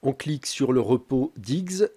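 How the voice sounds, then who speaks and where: A man presents a step-by-step tech tutorial in a husky, mid-range voice. He talks calmly, though he often hesitates with filler pauses.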